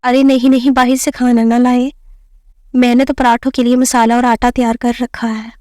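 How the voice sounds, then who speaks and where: A woman's voice: on the high side, flat delivery, normal speed, mellow, no echo, studio quality, natural voice. A woman reading the lines of a shy, dutiful young bride who answers politely and earnestly.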